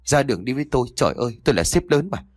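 A man's voice: medium pitch, big pitch swings, rapid-fire, dry recording. A man voicing an arrogant, cold young husband, speaking contemptuously through gritted teeth in a storybook reading.

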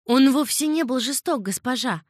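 A woman's voice: sits high, normal speed, husky, no echo, studio quality, pitched above the performer's own voice. A woman reading an audiobook, voicing a timid young maidservant who speaks lightly and cautiously.

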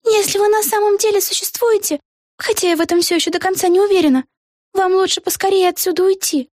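A timid young girl played by a woman narrating an audiobook who pleads and protests. Her voice sits very high and clearly childlike, with an earnest, plaintive tone. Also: fast, a little mellow, no room sound, clean studio sound. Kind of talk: audiobook voice acting.

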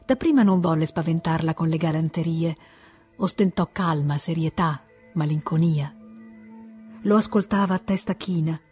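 A woman reading a classic novel aloud as an audiobook, in a calm, measured voice. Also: low voice, slightly rough, soft background music. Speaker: audiobook reader. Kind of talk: literary audiobook narration.

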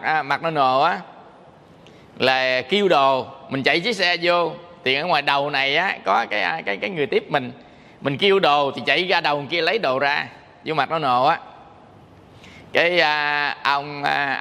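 A man's voice: a little high, normal speed, creaky, sharp tone, long reverb tail. A man from Vietnam, a Buddhist monk giving a dharma talk in a conversational way, often asking his listeners questions. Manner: conversational, asks the audience questions.

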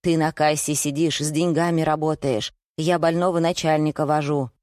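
A woman reading aloud and voicing a coarse, bullying middle-aged husband who talks gruffly and scornfully. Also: deep voice, steady tone, normal speed, a little mellow, dry recording, studio quality, lightly acted.

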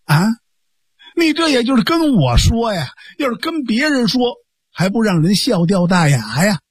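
A man's voice: sits high, big pitch swings, breathy edge, no echo, exaggerated voice. A man voicing a righteous young man who scolds and coaxes his foolish sworn brother firmly. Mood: stern. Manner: scolding, firm, measured.

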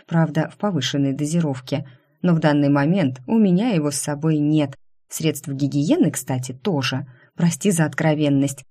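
A woman voicing a brash, sharp-tongued young woman heroine in an audiobook, snapping loudly and indignantly. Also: low-pitched. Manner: loud, indignant, quick to snap. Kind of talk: audiobook character voice.

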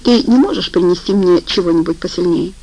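A woman voicing a drugged young man in a psychiatric ward who speaks lazily with a soft Caucasian accent. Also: lowish voice, brisk, poor audio. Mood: languid. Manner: soft, sluggish, lazy.

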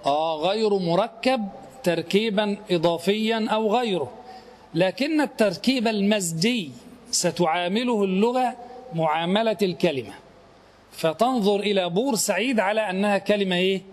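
Guy teaching grammar, kinda high voice, keeps asking the class questions then answering them himself. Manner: repeats key terms slowly for emphasis. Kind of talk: classical Arabic grammar lesson.

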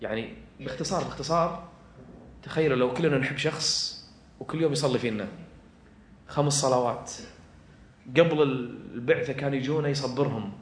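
Fast fervent Kuwaiti preacher, echoey room. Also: male voice, medium pitch, slight background noise. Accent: Kuwaiti Arabic. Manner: swings from quiet asides to loud fervent exhortation. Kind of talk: religious lecture to an audience.

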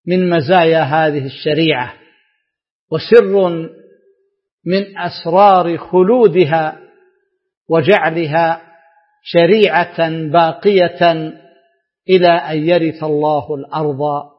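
A man delivering a scripted religious lecture to listeners in formal Standard Arabic, with measured phrasing and pauses. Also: a little high. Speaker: religious scholar addressing radio listeners. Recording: dull lo-fi, long hall reverb.

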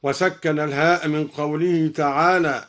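A male Quran recitation scholar slowly explaining reading variants in a radio program, chanting the verses he quotes. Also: fairly high pitch, steady tone, fairly bright tone. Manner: measured, deliberate delivery, chants the verses he quotes. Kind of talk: slow explanatory teaching with chanted Quran quotations. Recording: radio broadcast.

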